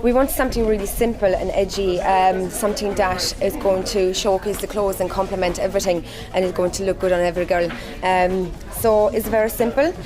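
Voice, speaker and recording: A woman speaks as a hair stylist explaining her work in an interview. Her pitch is middling and stays very even, with clear music behind her. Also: fairly quick, hardly any pauses.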